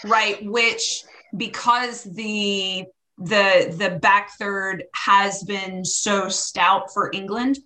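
A woman's voice: mid-range voice, sharp tone, poor audio. A woman co-hosting a podcast, chatting casually about football with lots of fillers. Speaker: podcast co-host. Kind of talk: casual sports chat.

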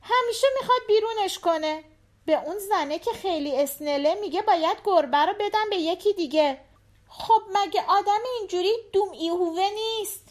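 Curious little girl rattling off questions, a woman putting it on for an audiobook, high pitched. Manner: chatty, questioning, quick. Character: small curious talkative girl. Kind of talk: audiobook character voice.

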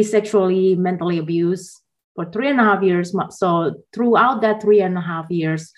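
A woman in her forties from Indonesia, a podcast guest telling her life story in a soft, halting way with small laughs. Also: on the low side. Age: 40s. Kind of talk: personal story in a podcast interview.

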